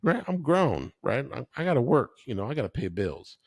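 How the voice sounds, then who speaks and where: A man's voice: mid-range voice, sing-song, fairly quick, creaky, slightly rough, dry recording, studio quality. A man in his forties chatting casually as a podcast guest, slangy and laughing often as he tells stories. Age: 40s. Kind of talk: casual storytelling chat.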